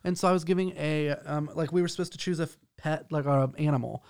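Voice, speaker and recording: A man's voice: fairly high pitch, steady tone, fast talker, darkish tone, clear, resonant tone. A man on a podcast telling a story in a subdued, hesitant way with many fillers. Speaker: podcast co-host. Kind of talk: casual storytelling.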